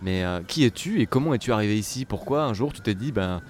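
Fast-talking, low-voiced male interviewer. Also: expressive. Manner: inquisitive, rapid questioning. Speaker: interviewer, host. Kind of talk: casual interview questions. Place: restaurant.

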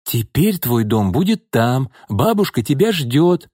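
A man's voice: mid-range voice, big pitch swings, unhurried, darkish tone, no echo, studio quality, voice pushed up. A man voicing a drunk, furious young mother who screams insults and bullies. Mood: coaxing. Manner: shrieking, insulting, bullying.

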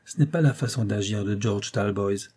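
A man as a grave young gentleman. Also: lowish voice, moderate pace, slightly rough. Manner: grave, indignant. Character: earnest young gentleman lawyer.

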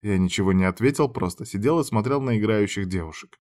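A man reading a first-person story aloud in an even, matter-of-fact way. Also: lowish voice, fast talker. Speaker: audiobook narrator.

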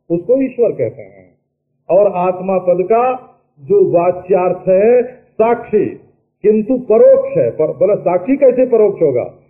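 Slow high-voiced male teacher on tinny tape. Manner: slow, explanatory, with chanted Sanskrit verses and asides. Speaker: spiritual teacher. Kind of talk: Vedanta discourse.

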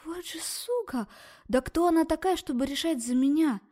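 A woman's voice: high voice, moderate pace, dark tone, voice pushed up, lightly acted. A woman voicing an angry, frightened young heroine who speaks in agitated exclamations. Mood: furious.

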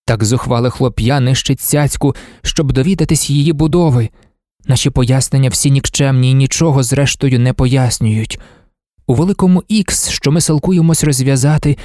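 A man reading an audiobook, voicing a thoughtful young man who speaks in a measured, philosophical way. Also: mid-range voice, dark tone, dry recording, studio quality, close to an everyday voice.

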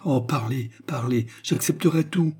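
Male narrator doing a submissive young lover, husky, pleading, audiobook. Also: mid-range voice, moderate pace, mellow, pitched above the performer's own voice. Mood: anxious. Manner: anxious, pleading. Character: lovesick young man, anxious and submissive. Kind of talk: audiobook reading.

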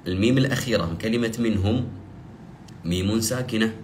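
Low-voiced man teaching tajweed. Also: a little mellow, a little hiss or hum. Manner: explains slowly, then recites examples drawn out. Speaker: Quran recitation teacher. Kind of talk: tajweed lesson.

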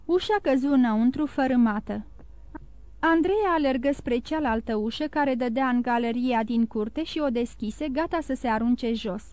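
High-voiced woman reading a novel. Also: dry recording. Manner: steady storytelling reading. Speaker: audiobook narrator. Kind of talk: scripted narration.

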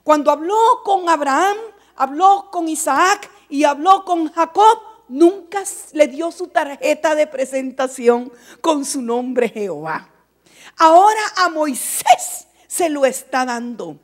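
Very high-voiced, slow preaching woman. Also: expressive. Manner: impassioned, swinging from soft asides to shouted exhortation; slow, emphatic delivery with repeated phrases. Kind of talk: fervent church sermon.

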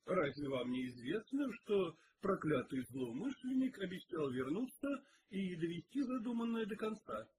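A man's voice: high voice, big pitch swings, moderate pace, few pauses, noisy background, voice pushed up. A man reading aloud and voicing a brash, teasing young male detective in a raised voice. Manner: cheeky, teasing.

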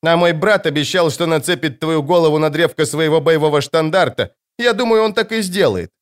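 A strange, precocious little girl speaks with cool contempt in a high, bright voice. Her words come out calm and certain, as a male reader puts her on. It sounds like a storybook reading. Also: a little fast, natural voice. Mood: mocking. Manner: calm, scornful, matter-of-fact. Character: eerie small girl, cold and precocious.

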